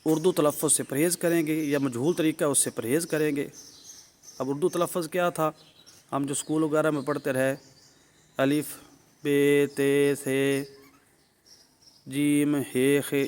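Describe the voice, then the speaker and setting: Speaking on the high side with a slightly mellow quality, a Pakistani Urdu-accented man gives a recorded tajweed lesson. He works through it methodically, stretching out letter sounds with care and frequently pausing for a "ٹھیک ہے" check-in with the listener.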